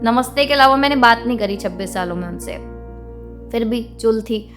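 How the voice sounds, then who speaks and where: Young woman vlogger, higher voice, outspoken and indignant rant, faint music underneath. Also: normal speed, a bit bright. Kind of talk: venting monologue to camera.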